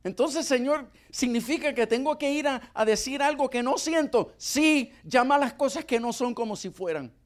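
Animated man preaching a sermon. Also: very high-pitched, normal speed, hardly any pauses. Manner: animated, acts out dialogues with God and his wife.

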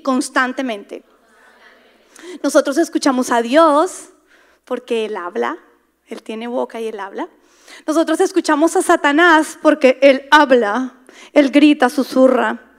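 A woman delivering a sermon in a high, bright-toned voice. She is dramatic, sinks into whispers to stress a point, and acts out the voices she describes. She asks the women listening to repeat key words back to her. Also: unhurried. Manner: dramatic, drops to whispers for emphasis. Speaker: preacher.

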